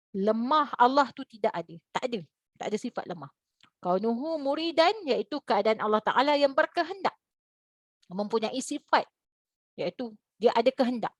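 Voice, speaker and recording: A woman religious teacher with a Malaysian Malay accent giving a lively lecture, asking rhetorical questions and breaking into sudden high exclamations. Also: dry recording. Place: lecture hall.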